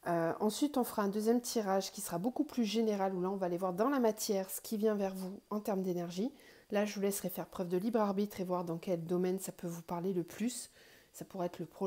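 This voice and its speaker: A woman hosting a spiritual card reading for viewers, slightly ill, her voice cracking at moments, explaining gently with pauses. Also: medium pitch. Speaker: tarot card reader and online guidance host.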